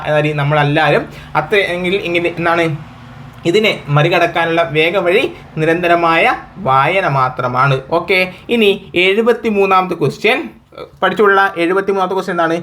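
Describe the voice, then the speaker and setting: Man, Malayali accent, slightly high voice, exam coaching teacher, repetitive drilling. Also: fairly bright tone. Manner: drills words by slow repetition, keeps asking "okay?". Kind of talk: exam prep lesson, repeating answers.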